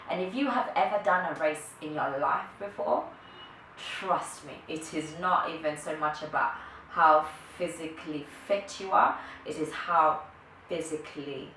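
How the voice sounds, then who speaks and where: A woman's voice: deep voice, bright, forceful tone. A woman vlogger giving an earnest motivational talk to camera, thinking aloud with restarts. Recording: echoey room, distant from mic, faint noise.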